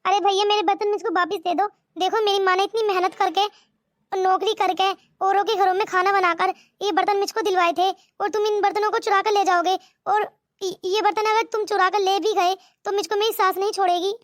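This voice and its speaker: A woman voicing a young new bride in a cartoon, defensive and pleading with a shrill tone. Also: steady tone, fairly quick, no echo, clean studio sound.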